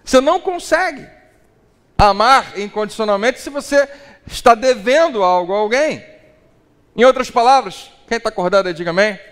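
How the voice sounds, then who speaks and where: Animated pastor in echoing hall. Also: male voice, very high-pitched, normal speed. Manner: animated, acts out little dialogues. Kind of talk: sermon.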